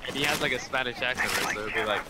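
A man's voice: mid-range voice, very fast, heavy background noise. A man in voice chat joking and teasing his friend during a shooter game. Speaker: teammate in voice chat. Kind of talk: casual gaming banter. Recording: game audio and gunfire behind. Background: loud gunfire and game sounds.

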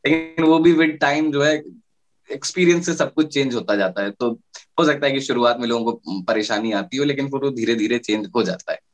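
A male radio jockey explaining his career in a casual interview, with frequent fillers and restarts. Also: mid-range voice.

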